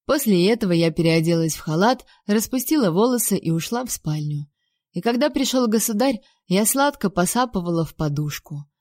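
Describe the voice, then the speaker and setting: A woman reading a first-person novel aloud, lively and playful in her storytelling. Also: medium pitch, no room sound, studio quality. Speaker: audiobook narrator.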